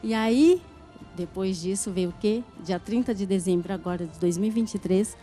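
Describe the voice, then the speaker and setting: Middle-aged woman, earnest testimony, mellow tone, faint music underneath. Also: medium pitch, normal speed. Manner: earnest storyteller acting out quoted speech. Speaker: church member giving testimony. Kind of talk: emotional testimony.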